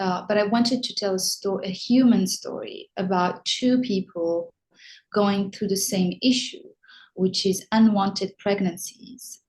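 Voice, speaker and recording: A middle-aged woman from Morocco, a film director answering interview questions with many pauses and restarts. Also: mid-range voice, darkish tone, low-quality recording. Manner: hesitant, many ums and restarts.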